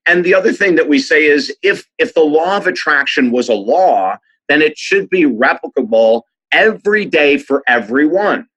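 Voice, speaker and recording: A man's voice: fairly high pitch, animated, normal speed, few pauses, a bit bright, slightly rough, poor audio. A man, an author and speaker, telling stories as a podcast guest, enthusiastic and acting out the people he quotes. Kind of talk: animated storytelling interview.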